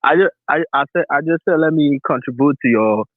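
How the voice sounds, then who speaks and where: A Nigerian man in his thirties calls into a talk show and rambles with many restarts over a tinny, dry phone line. His voice is fairly high and a little fast, with no room sound.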